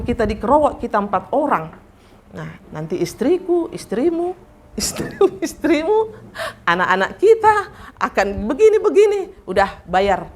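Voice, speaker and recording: A woman pastor with a high voice preaches a sermon during a church service. She is animated and often puts questions directly to the congregation.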